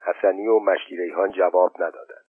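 A man reading an audiobook story in even, measured narration. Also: low-pitched, slightly rough, no room sound. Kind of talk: scripted narration. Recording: thin phone-like sound, dry.

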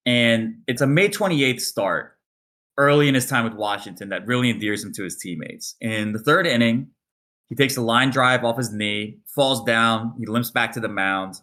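A man co-hosting a podcast, telling a long story in a casual, animated way and acting out quotes. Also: medium pitch, normal speed. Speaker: podcast co-host.

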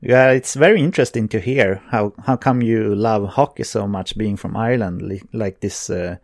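Swedish-accented male guest, gravelly voice, dry sound, halting non-native speech. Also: lowish voice, no echo. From Sweden. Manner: halting, searches for words. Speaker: podcast guest. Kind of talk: casual chat.

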